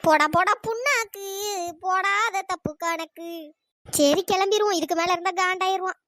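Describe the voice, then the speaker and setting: A woman voicing a bossy, sharp-tongued old wife in a cartoon who taunts and threatens her husband. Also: very high-pitched, moderate pace, dry recording, clean studio sound. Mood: gloating.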